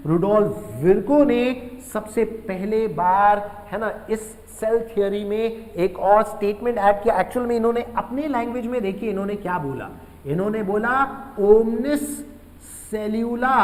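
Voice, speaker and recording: A male teacher giving a classroom lecture, often addressing the class as children and repeating key phrases slowly for students to write down. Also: sits high, darkish tone, long reverb tail, poor audio. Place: room with a writing board.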